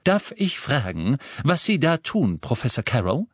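A man's voice: medium pitch, very animated, measured pace, breathy edge, no room sound, voice pushed up. A man reading an audiobook voices a stern, dignified older female teacher with formal, cutting politeness. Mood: coolly sarcastic.

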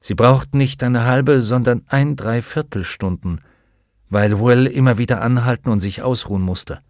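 A man narrating a fantasy audiobook in a measured, expressive reading. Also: mid-range voice, no room sound, clean studio sound. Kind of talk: scripted narration.

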